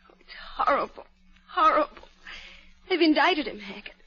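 In a 1940s radio drama, an actress plays a distraught young heiress who uncovers a murderer and accuses the killer. Her high, sharp voice is animated at a moderate pace, full of emotional, urgent, breathless pleas. The old radio sound is dull and has music under it.

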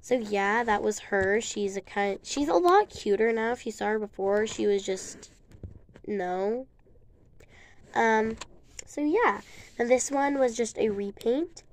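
A woman's voice: on the high side, slow. A woman vlogging in a casual show-and-tell chat, rambling with lots of ums and likes as she shows her custom toy figures.

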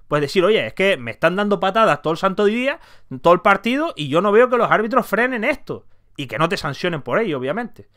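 A man ranting heatedly about football in an opinion vlog, emphatic and swearing freely. His voice sits high and sounds bright and crisp. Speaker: football commentator.

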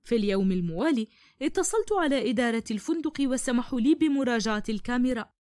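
A woman narrating a cartoon story in the first person, with a brisk, dramatic manner. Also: fairly high pitch, expressive, darkish tone, dry recording, studio quality.

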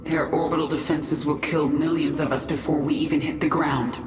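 A woman's voice: low-pitched, steady tone, moderate pace. A woman playing a ruthless alien queen in a game, commanding in a cold, imperious way. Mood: determined. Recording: echoing, music behind.

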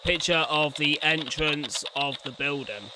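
Speaking unhurriedly in a slightly high voice, a young man reacts on video with slangy, casual commentary, blunt curses and mumbled asides. He's indoors at home, headset on, close to a desk condenser mic, with a noisy background.

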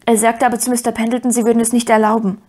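A woman's voice: on the high side, flat delivery, racing, warm tone, close to an everyday voice. Woman voicing an eager, earnest young boy. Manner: urgent, breathless, pleading. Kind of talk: audiobook character voice.

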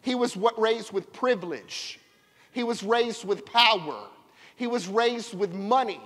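A man's voice: high-pitched, lively intonation, measured pace, fairly bright tone. A man preaching a sermon to a congregation, calling on them to repeat lines back to him. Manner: preaching with call-and-response to the congregation. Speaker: pastor. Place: church sanctuary. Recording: long church reverb.

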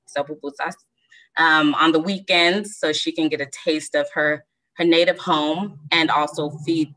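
Woman, low pitch, crisp bright tone, reflective, frequent ums, video call. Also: rough recording. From Southern California. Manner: measured, many ums, reflective. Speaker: panel guest. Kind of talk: personal storytelling on a video call.

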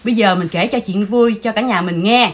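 A woman's voice: medium pitch, fairly quick. A woman born in Vietnam hosting a channel, chatting indignantly in casual gossip commentary and often calling out to her viewers. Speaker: channel host.

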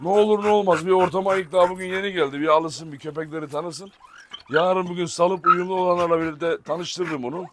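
Speaking fairly quickly with fairly even intonation, this high-voiced man is a dog breeder vlogger chatting to viewers while he calls and coaxes his dogs. The setting is an outdoor farm with dog cages, and the audio is full of loud noise and barking dogs.

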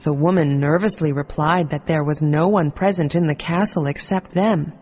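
Woman narrator for a kids' story, husky low voice, calm and measured. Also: long reverb tail, faint music behind. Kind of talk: scripted narration of a children's fairy tale.

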